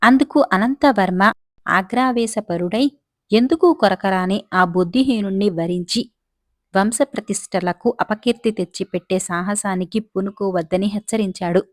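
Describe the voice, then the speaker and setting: A woman narrating a folk tale in a steady, expressive reading. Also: medium pitch, moderate pace, no echo, studio quality. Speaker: storyteller.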